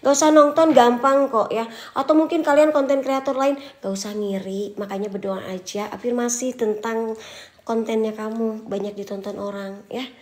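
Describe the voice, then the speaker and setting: A woman hosting a live-streamed ghost hunt, with a slight lilt, who goes from hushed, whispered prayers to loud, slangy back-talk at her chat. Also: a little high, steady tone, normal speed, echoey room. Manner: swings between whispered prayers and loud retorts to viewers; casual slangy banter with chat. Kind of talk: live-streamed haunted house exploration.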